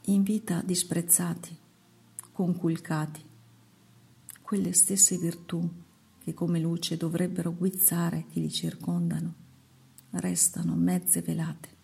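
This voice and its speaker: A woman voicing the Lord as a solemn male divine figure in a slow, measured, hushed devotional reading. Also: fairly low pitch, little pitch movement, vocal fry, breathy edge, full character voice.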